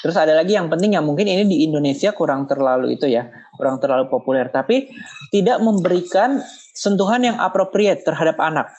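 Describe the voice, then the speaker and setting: A guest expert calmly explaining in a podcast interview, sometimes acting out scolding parents in a raised voice. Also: medium pitch, quick pace. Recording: muffled lo-fi audio.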